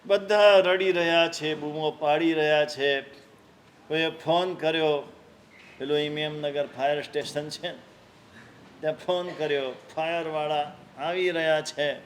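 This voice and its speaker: A man's voice: a little high, steady tone, measured pace, slight background noise. A man, a Jain monk, giving a sermon and acting out a story, voicing the characters' cries with rising emotion.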